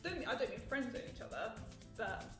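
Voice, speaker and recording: A woman co-hosting a casual video chat, telling a story in a chatty, lively way and laughing often. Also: on the high side, brisk, reverberant, recorded from a distance, music in the background, low-quality recording. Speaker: co-host of a couple's channel.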